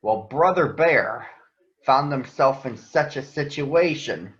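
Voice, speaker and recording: A man with a medium-pitched voice reads a children's story aloud, telling it in an expressive and deliberate way. The recording has a roomy echo and a dull, lo-fi quality.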